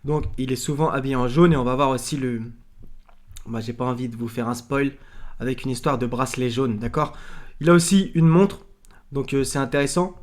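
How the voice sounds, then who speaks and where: A man, talking casually and unscripted, halting and restarting often and checking in with the listener. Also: medium pitch. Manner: many fillers and restarts, often asks "d'accord?". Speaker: video commentator. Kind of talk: casual analysis talk.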